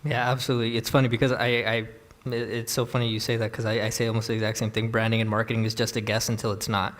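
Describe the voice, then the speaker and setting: Quick-talking man hosting conference Q&A. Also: lowish voice, flat delivery, fairly bright tone. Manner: quick, friendly, reads out questions. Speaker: conference Q&A host. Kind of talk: moderating audience questions.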